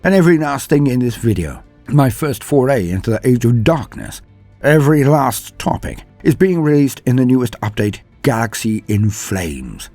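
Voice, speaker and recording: With a medium-pitched, warm and sing-song voice at a moderate pace, this man hosts and narrates lore theatrically, using flowery wording, a scripted delivery and self-deprecating side chatter. Background music runs beneath him, and there is no room sound.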